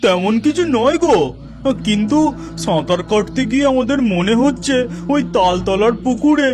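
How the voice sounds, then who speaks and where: A man voicing an excitable, boastful village boy in a cartoon story, earnest and insistent. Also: very high-pitched, normal speed, over music. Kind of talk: animated story dialogue.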